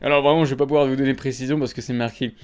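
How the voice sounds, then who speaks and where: Young man, joking reaction commentary, laughs often, mid pitch, soft music behind. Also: fairly even intonation, racing, clear, resonant tone. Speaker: YouTuber reacting to videos.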